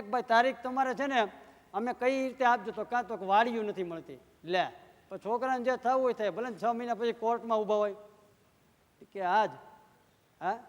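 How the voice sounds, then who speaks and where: A man's voice: extremely high pitch, a bit bright, big-room sound. A man with a Gujarati accent telling comic stories live on stage into a microphone, acting out dialogue between characters in playful shifting tones. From Gujarat, India. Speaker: comedian. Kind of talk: live Gujarati folk comedy storytelling.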